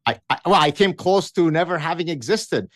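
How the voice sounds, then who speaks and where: A Lebanese author in his fifties, a guest in a conversational interview, tells childhood stories in a wry, self-mocking way, often restarting. His voice is on the high side, expressive and a little fast, captured in a dry recording.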